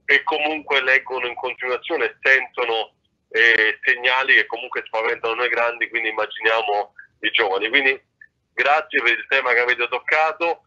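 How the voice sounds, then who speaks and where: A man's voice: medium pitch, bright, forceful tone. A man speaking over a speakerphone as a guest official, giving a formal public address with frequent hesitations and repeated words. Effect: heard over a speakerphone. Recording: dull, muffled speakerphone sound.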